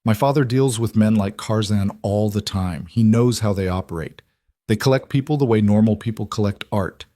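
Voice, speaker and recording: A smug rich young man delivers warnings dressed as advice, voiced by a male narrator. His tone is low and smooth in a dry, close recording. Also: moderate pace, warm tone, no echo, natural voice. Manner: smooth, veiled menace.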